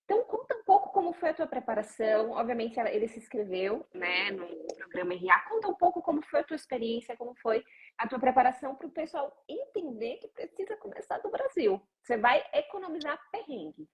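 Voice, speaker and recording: Brazilian lady hosting a live chat, high voice, super enthusiastic, lots of "tipo". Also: sing-song, a little fast, a little mellow, poor audio. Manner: enthusiastic, casual, leans on "tipo". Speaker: host, teacher. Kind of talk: casual interview on a live stream.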